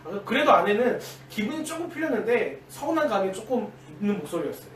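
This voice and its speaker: High, lively-voiced man preaching. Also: fast. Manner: earnest personal storytelling. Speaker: junior pastor. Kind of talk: dawn service sermon. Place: church sanctuary. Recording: echoey church, distant mic, faint hiss.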